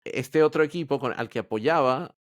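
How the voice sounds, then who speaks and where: In clean studio sound with no echo, a man from Peru speaks at a medium pitch and moderate pace. He's an Android developer on a podcast, recounting his story casually and candidly, hesitating and starting over often.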